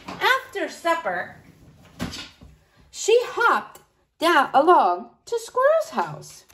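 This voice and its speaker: A woman reads a children's story in a high voice with big swoops of pitch. She takes her time and addresses her young listeners directly in an animated way. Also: drawn-out words, a little hiss or hum. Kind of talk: expressive picture-book read-aloud.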